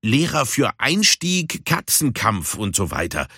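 A man's voice: medium pitch, wildly swooping pitch, moderate pace, fairly bright tone, breathy edge, dry recording, clean studio sound, pitched above the performer's own voice, exaggerated voice. A man voicing a blunt, curt young female street cat in a storybook reading.

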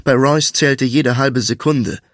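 Measured male audiobook narrator, dry close sound. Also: medium pitch, fairly even intonation, fairly bright tone, dry recording. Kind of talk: scripted fantasy narration.

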